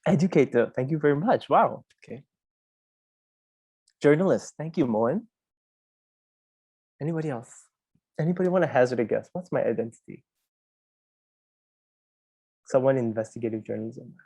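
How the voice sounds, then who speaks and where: A Malaysian-accented investigative journalist presents an informal, interactive online webinar, speaking conversationally and drawing listeners in with repeated questions. His mid-pitched voice is animated, a little mellow and slightly rough, moving at a moderate pace with frequent pauses. The recording is dry, with almost no room sound and no echo.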